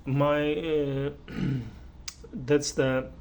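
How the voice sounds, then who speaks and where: Extremely slow and barely moving in pitch, this slightly high, darkish voice belongs to an audio reviewer describing what he hears. The review is unscripted, halting and full of searching for words, and a little hiss or hum is audible.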